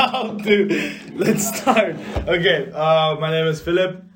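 A man's voice: fairly high pitch, slow, noisy background. A teenage boy hosting a casual chat podcast, loosely steering the talk with questions to his friends. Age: teens. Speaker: podcast host.

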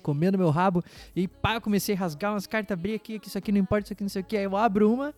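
A young man co-hosting a podcast, telling a story in a casual, slangy way that swings between loud bursts and low asides. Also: steady tone, very fast. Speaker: podcast co-host. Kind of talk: casual chat.

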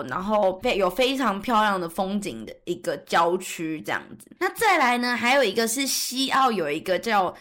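A woman's voice: medium pitch, a bit bright. A woman, a podcast co-host chatting casually, often laughing and sounding out place names. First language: Mandarin.

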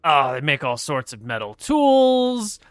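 A man's voice: a little high, very animated, unhurried, smooth, dry recording, clean studio sound. A man voicing a chatty trader who rambles scornfully about dwarves in a folksy way. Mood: gossipy.

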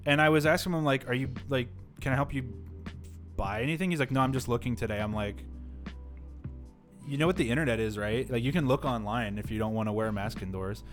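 A man co-hosts a casual podcast and tells a work story in a loose, rambling way. He keeps saying "like" and acts out what other people said. Faint music plays underneath, and his pitch sits in the middle. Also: fast. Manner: rambling, many "like" fillers, acts out quotes. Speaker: podcast co-host. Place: live-streamed podcast setup.

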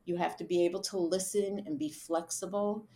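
A woman's voice: on the low side, fairly even intonation, normal speed, mellow, slight background noise. A middle-aged woman, an event producer, answering interview questions in a chatty, storytelling way and laughing now and then. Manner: chatty, laughs while telling stories.

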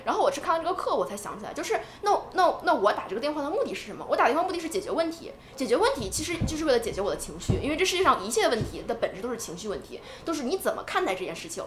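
Fast, animated woman in an echoey room. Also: high voice, background noise. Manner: animated, talks in quick bursts with restarts. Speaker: podcast co-host. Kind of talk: casual podcast chat.

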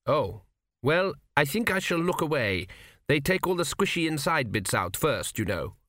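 A fretful, querulous king who has just died, pitched up high and full of restless lilt, as a man puts him on. He grumbles and frets in a dry, close-sounding read. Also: big pitch swings, normal speed, fairly bright tone, no room sound. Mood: puzzled, doubtful. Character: fretful newly dead male king, indignant.

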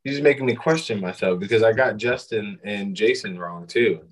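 A man's voice: on the low side, moderate pace, low-quality recording. Profane, laughing man on a call. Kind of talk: casual chat. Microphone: video call.

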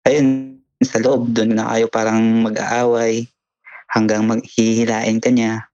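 A man's voice: medium pitch, flat delivery, slow pace, a little mellow, dry recording, highs cut off. A young man with a Filipino accent, answering interview questions politely, saying "sir" and ending thoughts with fillers. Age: young adult. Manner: polite and plain, says "sir" and "po", many fillers like "ganyan". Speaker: interview guest, massage therapist. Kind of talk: casual interview.

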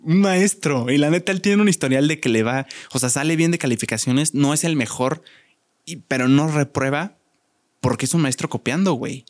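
A man's voice: fairly high pitch, normal speed, no echo, studio quality. A young Mexican man co-hosting a podcast, telling a story in casual slang and acting out the voices in it. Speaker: podcast co-host. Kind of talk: casual chat.

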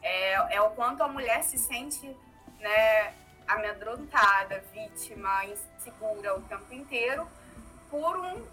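A woman's voice: medium pitch, animated, slow pace, bright, forceful tone, faint music behind, rough recording. A woman taking part in a casual discussion, speaking earnestly. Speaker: panelist.

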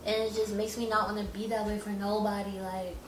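A woman's voice: medium pitch, little pitch movement, brisk, far from the mic, background noise. Blunt laughing woman in a roomy echo. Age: 20s. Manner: blunt, laughs often, swears freely. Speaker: podcast co-host. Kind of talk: casual chat. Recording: roomy echo, a bit off-mic.

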